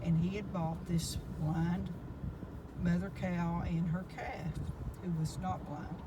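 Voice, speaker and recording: A woman's voice: fairly low pitch, steady tone, takes it slowly. An older woman tells a folksy, rambling family anecdote in a casual way. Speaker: storyteller. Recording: loud car and road noise, distant mic.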